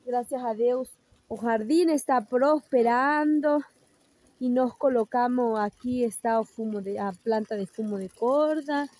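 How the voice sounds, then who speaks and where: A young woman with a high, bright-sounding pitch talks to her viewers in an unhurried, easygoing way. She narrates a casual home vlog, explaining things step by step as she films on her phone. Her tone is chatty and direct, as if showing friends around. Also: poor audio. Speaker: vlogger. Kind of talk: casual show-and-tell narration. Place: rural mountain home, garden and kitchen. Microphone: phone camera held by speaker.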